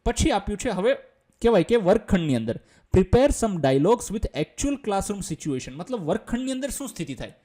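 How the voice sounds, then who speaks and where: A teacher with a Gujarati accent reads English lines aloud, then explains them in plain terms, his slightly high voice soft and mellow. He goes step by step in a colloquial, sing-song way at a moderate pace, posing questions and answering them himself.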